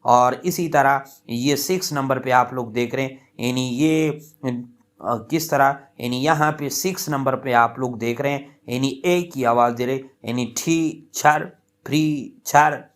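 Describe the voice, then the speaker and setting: Slow, patient male language teacher. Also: mid-range voice. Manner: slow, repetitive explaining with many fillers; drawn-out example words. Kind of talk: lecture on English pronunciation.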